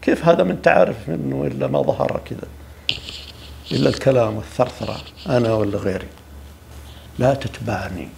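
A man giving an informal religious talk, preachy and lively, often acting out the voices of people he quotes. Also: medium pitch, fast, vocal fry, pauses often, noisy background. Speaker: religious speaker.

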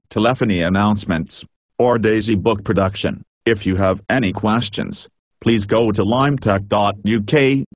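A synthetic, computer-generated adult male voice with an American accent, reading a product demo in an even, clipped way. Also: fairly low pitch, dry recording, studio quality. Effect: computer-generated text-to-speech voice. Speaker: text-to-speech demo voice.

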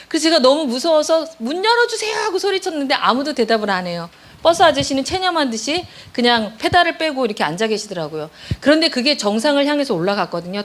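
A woman pastor giving a sermon, telling a personal story with feeling and speaking straight to the congregation. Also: high-pitched. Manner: emotional storytelling, addresses congregation directly.

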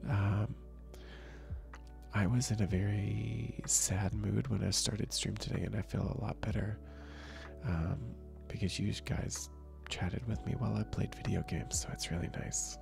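A young man talks softly and slowly in a relaxed, soft-spoken ASMR manner as he chats with viewers. His voice sits low and has a heavily gravelly, fry-filled texture. Faint relaxing music plays behind him. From northern region. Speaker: streamer.

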